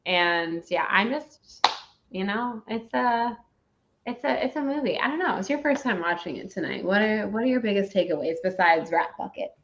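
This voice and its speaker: A woman's voice: medium pitch, lively intonation, normal speed, a little hiss or hum. Woman rambling thru a casual movie review, super opinionated n emphatic, kinda dull lofi audio. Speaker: host of a movie review show. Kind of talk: casual chat, ranting film review. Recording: dull lo-fi recording.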